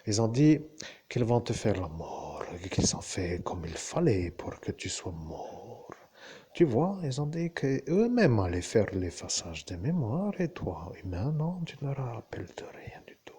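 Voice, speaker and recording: A man with a Lorraine French accent, talking to his viewers in a slow, wandering monologue and often turning to address the listener directly. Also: on the low side, very animated, dark tone, slightly rough. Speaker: vlogger. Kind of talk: rambling monologue to camera.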